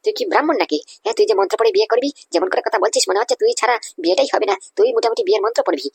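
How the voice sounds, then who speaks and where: A woman voicing a hot-headed male wedding guard in a Bengali animated comedy, blustering threats. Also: a little high, racing, gravelly, slightly rough, no room sound, heavily acted.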